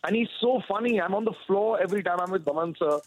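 A man's voice: high-pitched, fast, poor audio. A man giving chatty, opinionated film gossip as a radio show correspondent, speaking with enthusiasm. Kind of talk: casual chat over radio.

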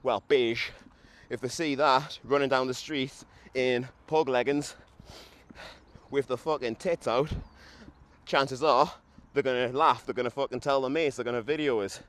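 A hungover young podcaster walks down a street, still tipsy after a run, talking to a handheld camera with blunt swearing and self-mockery. His mid-range voice is a bit bright, with fairly even intonation and a measured pace. The outdoor recording is noisy with traffic.

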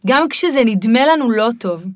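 A middle-aged woman guiding parents in a podcast conversation, explaining in a lively way and sometimes mimicking children's voices. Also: on the high side, dry recording, clean studio sound. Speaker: parenting guide.

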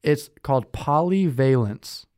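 A man's voice: on the high side, animated, measured pace, a little mellow, no echo, studio quality. A young man co-hosting a podcast, chatting casually with lots of fillers and restarts. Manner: chatty, with many fillers and self-corrections. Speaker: podcast co-host. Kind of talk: casual conversational chat.

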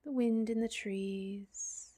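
A woman softly narrating a guided relaxation like a sleep story, half-whispering with long pauses. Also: on the high side, steady tone.

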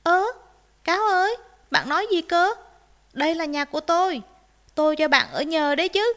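A kind little storybook rabbit speaks in a high, bright voice, as a woman narrator plays it. The rabbit sounds polite and soft. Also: animated, moderate pace. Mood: friendly. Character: small gentle rabbit, kind and easily upset.

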